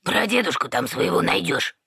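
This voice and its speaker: Woman doing a gravelly, raspy tomcat-style stray dog, pushy and boastful, dry close sound. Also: a bass voice, wildly swooping pitch, moderate pace, sharp tone, no echo, pitched below the performer's own voice, full character voice. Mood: taunting. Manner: taunting, boastful. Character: brash young male stray dog, pushy.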